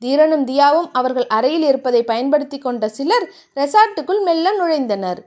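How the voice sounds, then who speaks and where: A woman narrating a romance novel in an expressive storytelling manner. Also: high-pitched, normal speed. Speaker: audiobook narrator.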